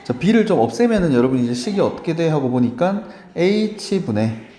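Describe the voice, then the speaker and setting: A male math teacher explains with a swinging, animated pitch and a mellow, dark tone. He keeps turning to his students to ask whether they follow, chatty and encouraging. His voice rings a little in a roomy space. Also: normal speed, a little hiss or hum. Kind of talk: lively lecture to students. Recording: roomy echo.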